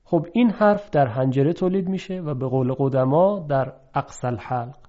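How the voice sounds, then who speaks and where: A man teaching a pronunciation lesson, explaining methodically and drawing out example words slowly. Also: mid-range voice, warm tone. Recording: dull lo-fi recording.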